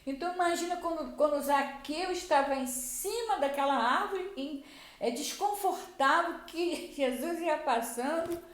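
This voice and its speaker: A woman Bible teacher at a church program speaks earnestly in sermon style, repeating herself and restarting often. Her voice is high-pitched and she speaks a little slowly. The recording has a roomy echo.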